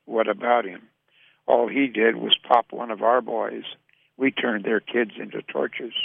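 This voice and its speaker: A man reading a blunt, weary soldier, gravelly. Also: mid-range voice, fairly even intonation, measured pace, dry recording, full character voice. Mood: quiet, blunt. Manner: hissing, quiet and cutting. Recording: tinny narrow radio sound.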